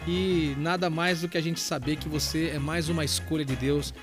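A cheerful, chatty man hosts a relaxed talk show with an easygoing manner. His voice sits a little high, with music clearly audible behind him. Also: normal speed. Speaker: host.

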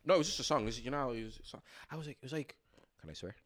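A man with a lively, swooping voice tells a rambling story to his friends. He talks over the others and flares up easily when they laugh at him. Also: medium pitch, racing. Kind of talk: casual chat among friends.

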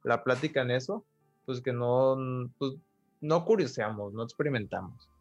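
A man's voice: medium pitch, lively intonation, normal speed, dry recording, highs cut off, faint music behind. A man in casual podcast talk, thoughtful and full of filler words. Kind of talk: casual conversation.

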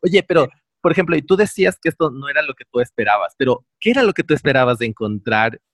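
A man's voice: mid-range voice, animated, quick pace, fairly bright tone, dry recording, studio quality. A man hosting a casual interview, reacting briefly and asking follow-up questions. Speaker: host.

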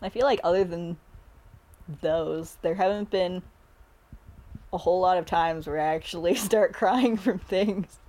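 A woman guest in a casual podcast chat, speaking thoughtfully with soft laughs. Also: on the low side, a little slow, pauses often.

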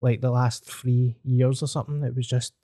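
Mellow Glaswegian man, street slang. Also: medium pitch, flat delivery, normal speed, dry recording, studio quality. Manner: Glasgow street slang, sweary. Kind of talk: casual chat.

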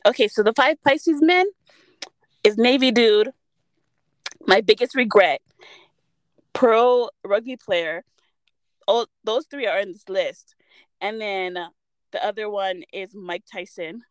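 A woman co-hosting a casual podcast chat, telling stories in an animated, giggly way. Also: mid-range voice, takes it slowly, pauses often, no echo, poor audio. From Utah, US. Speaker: podcast co-host.

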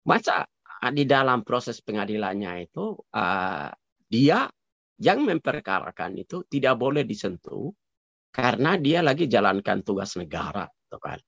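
A man's voice: mid-range voice, sing-song, measured pace, creaky, a bit bright, no room sound. A man giving conversational political commentary as an interview guest, hesitant with many fillers and restarts, dropping in English phrases. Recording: dull lo-fi recording.

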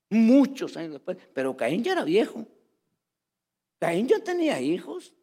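Man, sermon, raised pitch, gravelly, lively preaching. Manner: addresses listeners as "hermano", lively preaching.

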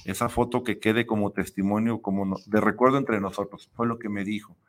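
A man's voice: fairly low pitch, steady tone, brisk. A man hosting a radio talk show, speaking hesitantly and searching for words. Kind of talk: conversational interview.

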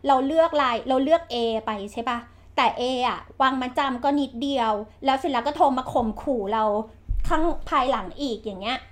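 A woman hosting a podcast chat, giving blunt, lively advice with frequent laughter and slangy speech. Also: high-pitched, a little fast. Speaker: podcast host and real estate agent.

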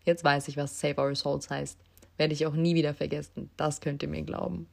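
A woman's voice: low voice, level tone, moderate pace, creaky, a little mellow, faint music behind. A young woman hosting her own podcast, telling a personal story in a casual, emotional, self-mocking way and speaking straight to her listeners on a basic microphone. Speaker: podcast host. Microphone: basic non-professional mic.

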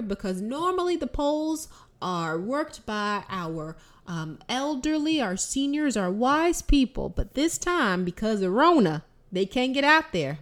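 A woman voicing an older church lady who reads out weekly announcements in a folksy, scolding, emphatic way. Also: on the high side.

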